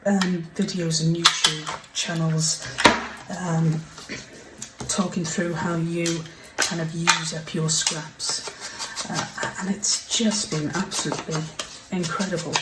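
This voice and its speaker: A woman with a fairly low voice talks slowly through a casual crafting tutorial, chatty and apologetic, now and then slipping into a half-whisper. She sits some way from the mic in a roomy space, and dishes and pans clatter clearly in the background. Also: level tone, heavy background noise. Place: home craft desk. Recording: roomy, mic set far off, kitchen clatter behind.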